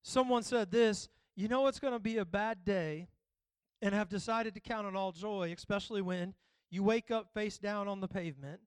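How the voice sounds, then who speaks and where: A pastor preaches a humorous sermon, telling funny family stories and exhorting the congregation in a preacherly, storytelling style. His voice sits high and smooth at normal speed, in a dry recording.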